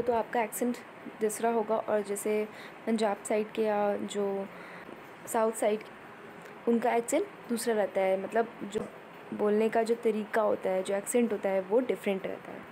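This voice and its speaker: A woman teaching an exam-prep lecture, explaining in Hindi with many fillers and reading English headings out slowly. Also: a little high, mellow, slight background noise, poor audio.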